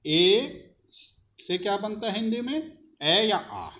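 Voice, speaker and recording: Slow, deliberate man teaching phonics. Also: high voice, wildly swooping pitch, sharp tone, dull audio. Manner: spells words letter by letter, then says them. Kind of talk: slow phonics lesson for children.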